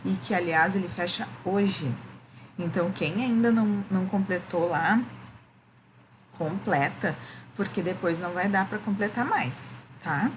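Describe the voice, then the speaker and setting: A woman's voice: lowish voice, measured pace, noisy background. A woman, a primary school teacher, gives a remote lesson to children, explaining patiently and often checking that they follow.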